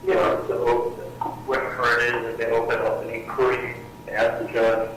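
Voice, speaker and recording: A man talking from jail on a prison phone call, rambling and halting with lots of fillers. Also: mid-range voice, completely flat delivery, fairly bright tone. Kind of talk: casual phone conversation. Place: jail cell. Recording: distant echoey jail phone line with faint noise.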